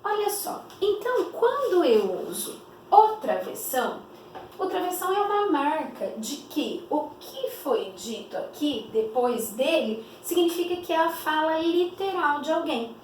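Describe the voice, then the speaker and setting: High-voiced woman teaching, echoey room. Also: very animated, distant mic, slight background noise. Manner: didactic, stretches example phrases slowly, many rhetorical questions. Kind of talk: explanatory classroom lesson.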